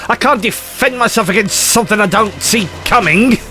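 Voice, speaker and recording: A man acting in an audio drama as an eccentric, excitable time-travelling adventurer, theatrical and given to rambling digressions. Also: high-pitched, moderate pace, close to an everyday voice. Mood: panicked, urgent. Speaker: lead actor in an audio drama. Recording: music under the voice.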